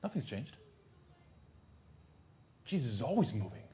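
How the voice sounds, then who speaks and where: A man preaching a sermon. He swings from loud outbursts to hushed near-whispers and repeats words as he builds a point. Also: mid-range voice, sing-song, unhurried, crowd noise. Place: church service.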